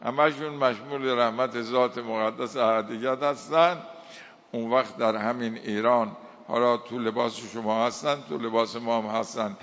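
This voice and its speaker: A man from Iran delivering an impassioned sermon, piling up harsh lists of condemning words and slowly reciting Arabic verses with weight. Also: medium pitch, fairly bright tone. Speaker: cleric preacher. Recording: dull sound with long hall reverb.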